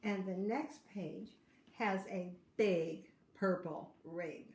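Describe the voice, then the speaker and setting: A woman's voice: mid-range voice, slow, a little mellow. An older woman with a grandmotherly, encouraging manner reads a picture book aloud to young children, explaining simply and asking questions along the way. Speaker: storyteller reading to children. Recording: roomy echo, faint background noise.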